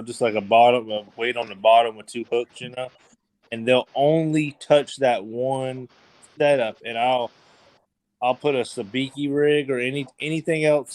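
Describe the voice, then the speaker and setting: A man's voice: mid-range voice, darkish tone, no echo. A man hosting a livestream, chatting casually about fishing in a rambling, laid-back way full of fillers. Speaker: livestream host.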